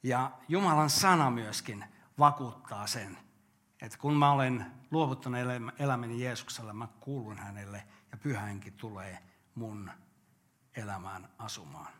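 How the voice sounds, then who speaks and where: An older pastor delivers a sermon in an earnest, steady voice. He asks his listeners rhetorical questions and then answers them himself. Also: mid-range voice.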